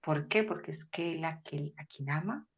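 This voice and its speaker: A woman, a guest on a faith podcast, talking animatedly and acting out quoted voices with sudden loud exclamations. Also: low voice, normal speed, muffled recording. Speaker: guest speaker. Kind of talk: faith-based podcast conversation.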